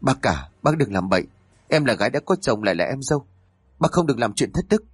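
A man's voice: medium pitch, sing-song, fast talker, husky, no echo. A man voicing a virtuous young wife who stammers and pleads in a spoken story. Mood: pleading.

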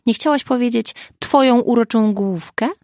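A woman's voice: medium pitch, sing-song, unhurried, darkish tone, no room sound, studio quality, pitched above the performer's own voice. A woman reading the lines of a sarcastic, amused young man in an audiobook. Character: wry, mocking young man.

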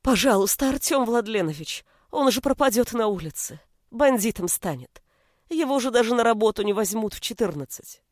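A worn-out middle-aged mother , voiced by a woman narrator, pleads and laments with a lively, rising and falling voice. The sound is dry and close, with nothing behind it. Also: a little high, normal speed, no room sound, lightly acted. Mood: pleading.

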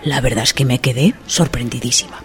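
A woman telling a comic story on local radio in a chatty, expressive way with asides. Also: a bass voice, brisk, faint music behind.

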